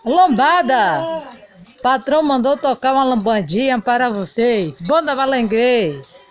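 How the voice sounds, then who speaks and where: A woman's voice: on the high side, animated, unhurried, soft background music. A woman voicing a heartbroken male doll singer in a toy play video, melodramatic and sing-song. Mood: showy singing.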